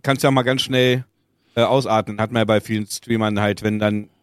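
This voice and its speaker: A man co-hosting a podcast, chatting casually about streaming, speaking haltingly with many restarts. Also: fairly low pitch, fairly even intonation, clean tone, no room sound, studio quality. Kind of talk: casual chat.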